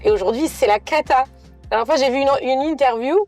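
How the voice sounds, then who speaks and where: A woman's voice: high voice, quick pace, darkish tone, no room sound, faint music behind. A woman from the south of France interviewing a guest in a chatty, playful way. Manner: chatty, playful, laughs often. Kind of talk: casual conversational interview. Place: in a van.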